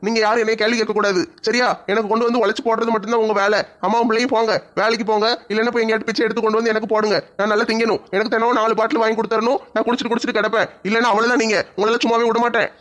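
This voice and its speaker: A man's voice: very high voice, fairly bright tone. An actor playing a drunken, shameless middle-aged father. He talks in a blustering, mock-pleading way. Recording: dull lo-fi sound.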